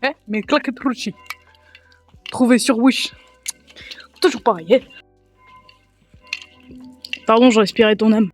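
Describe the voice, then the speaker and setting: A woman's voice: on the high side, a little slow, long pauses, faint music behind. A young woman from France vlogging on her phone, rambling and joking at herself in a casual way. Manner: rambling, self-mocking and chatty. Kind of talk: casual vlog chat. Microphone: handheld phone.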